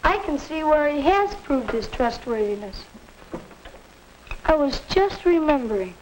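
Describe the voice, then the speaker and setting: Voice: high voice, expressive, unhurried. A young performer playing an earnest, plainspoken American schoolboy in a 1950s instructional film. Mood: earnest, resolved. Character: earnest young schoolboy questioning his father. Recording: noisy vintage 1950s film soundtrack.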